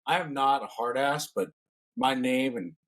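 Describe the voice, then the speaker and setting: A man's voice: mid-range voice, fairly bright tone. A man, a personal trainer and podcast guest, telling stories in a loose, slangy, casual way. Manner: fast, loose, slangy storytelling.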